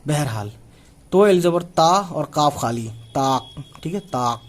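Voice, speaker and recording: A man in his twenties, an Urdu teacher, gives a writing lesson in a slightly high voice with lively intonation and an unhurried pace. He patiently repeats himself and spells out the letters one at a time.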